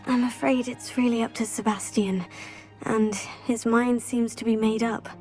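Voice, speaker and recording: A woman's voice: fairly high pitch, steady tone, moderate pace, a little mellow, faint music behind, lightly acted, rough recording. A woman with a British accent playing a polite, composed, curious teenage witch in a video game.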